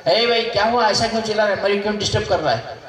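A man's voice: sits high, racing, fairly bright tone, voice pushed up. A man doing an exasperated grieving king. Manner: exasperated exclaiming. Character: grieving male king, impatient and scornful. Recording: echoey hall, far from mic.

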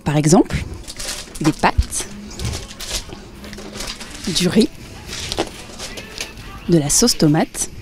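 A young woman presenting and interviewing with a clear, friendly delivery, recorded outdoors on a handheld mic. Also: sits low, expressive, drawn-out words, long pauses, darkish tone, slight background noise. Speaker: host and street interviewer. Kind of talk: scripted presenting and street interviews.

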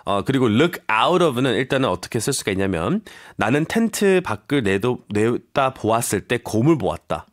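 A man's voice: mid-range voice, very animated, moderate pace, few pauses. Playful Korean-American man hosting English radio. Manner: playful, switches between English and Korean, tells anecdotes. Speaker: radio English show host. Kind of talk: bilingual radio English lesson.

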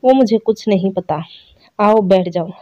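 A woman's voice: medium pitch, measured pace, darkish tone, natural voice. A woman doing a lonely unhappy housewife. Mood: troubled. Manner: sad, complaining tone. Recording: dull lo-fi recording.

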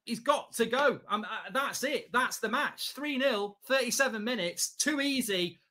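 Sharp, forceful football fan host ranting. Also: male voice, very high voice, animated, unhurried. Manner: exasperated, emphatic, repetitive, swearing. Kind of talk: live match reaction rant. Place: small indoor studio set at a desk.

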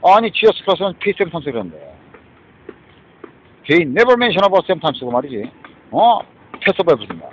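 A man with a Korean accent delivers an angry, rambling rant like a street preacher, cursing heavily, mixing Korean and English, and tagging his lines with a challenging "eh?". His fairly high voice is sing-song and bright, with a measured pace and long pauses. The dull lo-fi recording carries a little hiss or hum.

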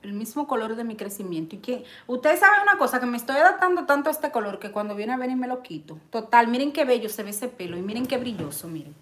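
A middle-aged woman chatting on a live stream, reading viewer comments with lots of excited exclamations and loud laughter. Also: on the high side, quick pace, hardly any pauses. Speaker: vlogger hosting a live stream.

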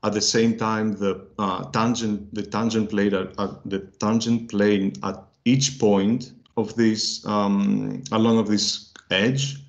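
A man giving a technical workshop presentation, halting and full of fillers and restarts. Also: fairly low pitch, little pitch movement, vocal fry, muffled recording. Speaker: workshop speaker. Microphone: video call.

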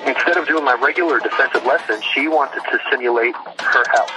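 A man's voice: mid-range voice, a little fast, music in the background, rough recording. A man who works as a firearms instructor, explaining things casually in a documentary interview.

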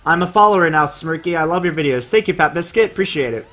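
A young man live-streaming a game, chatting casually, thanking viewers and reading the chat aloud in an excitable way. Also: a little high, quick pace, faint music behind.

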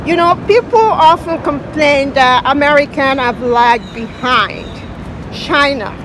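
Outdoors in a city park, a middle-aged woman hosts a news wrap and interview, hesitating often and leaning on fillers. She speaks slowly in a high-pitched voice, with crowd and traffic noise in the background.

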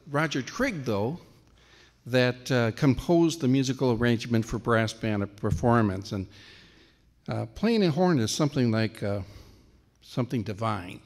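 A man introduces the next musical piece at a church service, speaking slowly and stumbling over fillers. His voice rings with the long reverb of a large hall. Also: medium pitch. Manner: halting, with many fillers and restarts. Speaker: program announcer.

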